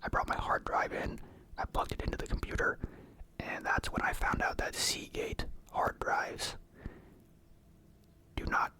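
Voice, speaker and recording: A young man whispering in a casual, halting, rambling ASMR style, close to the microphone. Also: bright, forceful tone. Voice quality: whispered, unvoiced. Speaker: ASMR mukbang creator. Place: indoor room at home.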